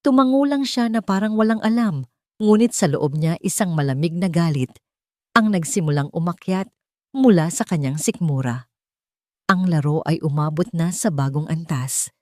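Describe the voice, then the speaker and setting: Reading a scripted dramatic story as its narrator, this woman speaks with a Filipino accent. Her voice sits on the low side with a dark tone and a moderate pace, captured in a dry, clean studio recording.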